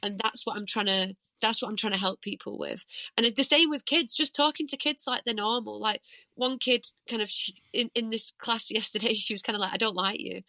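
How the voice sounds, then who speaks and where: A woman's voice: fairly high pitch, brisk, bright, forceful tone, no echo. A woman folk singer talking candidly as a guest in a casual interview. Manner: candid, chatty storyteller.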